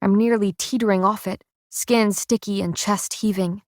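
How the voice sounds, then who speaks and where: Woman, audiobook narrator, first-person story, measured steady reading, mid-pitched voice, dry close sound. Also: no echo.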